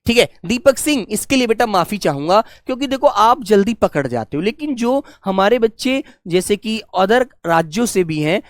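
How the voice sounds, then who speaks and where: A male Hindi teacher giving a live online exam-prep class, speaking affectionately to his students and slowly repeating key phrases for them to write down. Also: sits high, no echo, clean studio sound.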